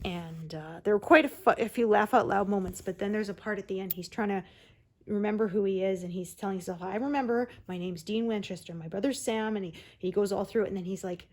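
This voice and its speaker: A woman's voice: mid-range voice, fairly even intonation, quick pace. A woman hosting a cross-stitch video, chatting casually as she works, rambling with fillers and laughing often. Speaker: crafting video host.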